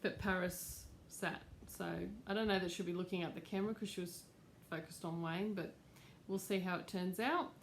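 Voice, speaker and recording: A woman's voice: fairly low pitch, normal speed, hardly any pauses, slight background noise. Chatty woman rambling at home. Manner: chatty, rambling, with fillers and laughs. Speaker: cross-stitch channel host. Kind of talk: casual chat to camera.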